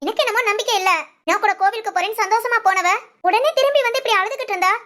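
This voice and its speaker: Woman doing a high-pitched cartoon girl, bossy and fierce, scolds her friend. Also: racing, fairly bright tone. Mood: scolding. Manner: scolding, firm. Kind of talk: cartoon voice acting.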